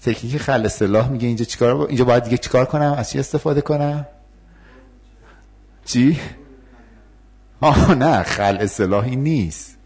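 A man's voice: medium pitch, long pauses, a little mellow, breathy edge. A man, a university counselor, explaining assertiveness techniques and acting out the dialogues. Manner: explanatory, acts out both sides of dialogues. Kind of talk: lecture with role-play demonstrations.

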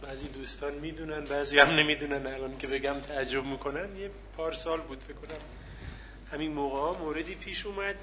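A man's voice: a little high, steady tone, sharp tone, a little hiss or hum. A man, a university colleague, telling an anecdote from campus. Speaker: university colleague, guest speaker.

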